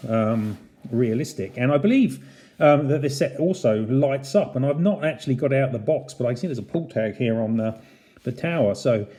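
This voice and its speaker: The model airport reviewer hosting this channel has a mellow, medium-pitched voice. He walks through a casual unboxing, explaining conversationally, and the recording carries a roomy echo.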